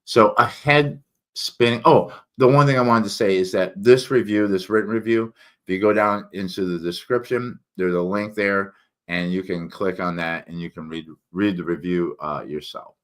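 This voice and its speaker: Deep-voiced man with thick, slurred tongue-forward speech. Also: moderate pace. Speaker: book reviewer and vlogger. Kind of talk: casual spoken book review, partly read aloud.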